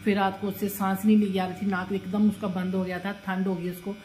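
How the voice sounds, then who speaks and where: A woman's voice: medium pitch, little pitch movement, fairly quick, a little mellow, echoey room, faint music behind. A woman in her thirties chatting casually to her phone camera at home, now and then scolding her child and pets. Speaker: vlogger. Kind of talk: casual home vlog chat. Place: home, indoors.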